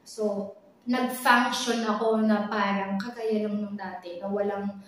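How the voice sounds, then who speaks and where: A woman speaking softly and haltingly, mixing Tagalog and English as she shares a personal testimony in a vlog. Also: medium pitch, steady tone. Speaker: college dean sharing a personal health story. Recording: strongly echoey room, faint background noise.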